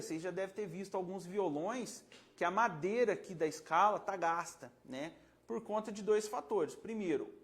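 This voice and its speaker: Explaining frets in a laid-back, meandering style, a high-voiced Brazilian luthier corrects himself as he goes, speaking with a Brazilian Portuguese accent. He shows things with his hands and frequently makes sure the viewer keeps up.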